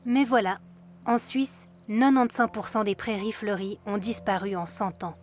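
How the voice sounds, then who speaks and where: A woman's voice: medium pitch, fairly even intonation, moderate pace, a little hiss or hum. A woman reading scripted narration for a nature documentary. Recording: music under the voice. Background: music and insect sounds.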